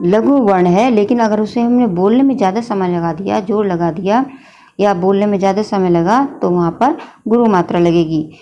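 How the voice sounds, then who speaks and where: A woman's voice: medium pitch, warm tone, muffled recording. Patient woman teaching a grammar lesson. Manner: patient, explanatory, addresses students as children. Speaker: Hindi teacher.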